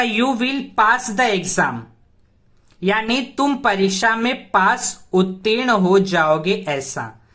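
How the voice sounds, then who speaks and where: Woman teacher, mid-pitched, explains grammar slowly with repeated check-in questions. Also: a bit bright. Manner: patient, repetitive, asks checking questions. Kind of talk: explaining a lesson.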